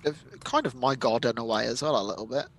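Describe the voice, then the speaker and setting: Male tabletop player, gravelly fry, mid pitch, casual, hesitant and self-interrupting. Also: fast, a little hiss or hum. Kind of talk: casual game chat.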